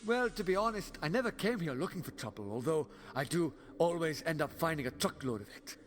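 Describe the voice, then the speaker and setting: A man plays a shrewd alien time traveller in an audio drama, his voice pitched a little high. He talks wryly and at length, with theatrical flair and sardonic bite. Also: lively intonation, fairly quick, lightly acted. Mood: cocky, defiant. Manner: wry, verbose, theatrical.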